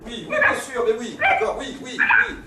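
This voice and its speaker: An actor playing a harried man arguing on the phone, exasperated and breaking into shouts, in a stage farce. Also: extremely high pitch, wildly swooping pitch, moderate pace, heavy background noise, full character voice. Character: harried middle-aged man bickering on phone. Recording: roomy stage sound from far off, loud audience.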